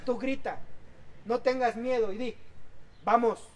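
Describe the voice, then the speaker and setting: A man preaching a sermon as pastor, swinging between loud exhortation and soft asides. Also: very high-pitched, steady tone, a little slow. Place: outdoor church service. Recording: distant mic with faint background noise.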